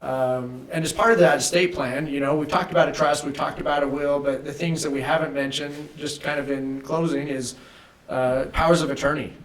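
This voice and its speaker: A man speaking as an estate planning attorney, explaining legal steps in a measured, plain-spoken way on a casual podcast. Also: a little high, steady tone.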